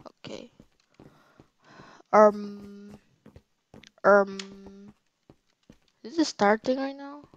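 Flustered woman gamer, slow speech. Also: mid-range voice, highs cut off. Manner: flustered, repeats herself when panicking. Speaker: gaming YouTuber. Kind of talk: panicked live gameplay commentary. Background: game music.

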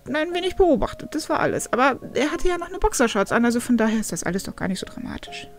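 A woman's voice: on the high side, very animated, fast talker, faint music behind. A woman voicing a flustered young man who stammers and talks defensively.

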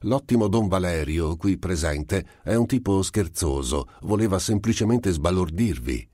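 A man reading the part of a cautious doctor who tries to calm others with careful words. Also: deep voice, unhurried, dry recording, studio quality, voice pushed up. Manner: soothing, careful. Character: cautious, placating male doctor.

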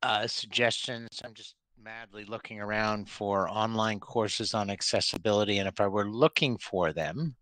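A man's voice: lowish voice, normal speed, few pauses, a bit bright. A man asking a hesitant question on a video call, his audio cutting out so the volume comes and goes. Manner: hesitant, searching for words. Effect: uneven volume, audio cutting out. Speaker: webinar participant asking a question.

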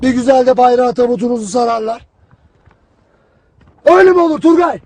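An actor playing a stern, harsh army commander who berates his soldiers in a cold, clipped, shouted delivery. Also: extremely high pitch, lively intonation, brisk. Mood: lecturing. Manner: cold, relentless, clipped questioning. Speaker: military commander. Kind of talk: film drama acting.

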